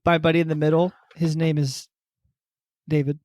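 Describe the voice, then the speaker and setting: A man's voice: fairly high pitch, little pitch movement, moderate pace, a little mellow, dry recording, studio quality. Laid-back man, podcast co-host. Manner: laid-back, laughs along, keeps the talk moving. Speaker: podcast co-host, community outreach director. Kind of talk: casual podcast chat.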